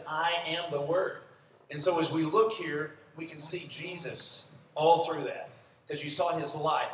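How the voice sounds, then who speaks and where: A man's voice: fairly high pitch, a bit bright, slight background noise. A man preaching a sermon in a church, speaking conversationally and asking the congregation questions. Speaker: pastor. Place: church sanctuary. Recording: echoey church room, from a distance.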